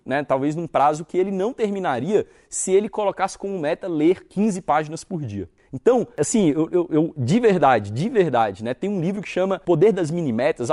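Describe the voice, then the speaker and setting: A young Brazilian man giving an informal motivational talk to camera as a network marketing leader, acting out little dialogues. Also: sits high. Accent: Brazilian Portuguese. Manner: informal, animated, acts out dialogues.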